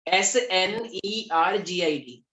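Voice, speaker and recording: A man's voice: high-pitched, very slow, sharp tone. Joking young male teacher, echoey classroom. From Delhi, India. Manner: joking, chatty, mixes English terms. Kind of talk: classroom lecture.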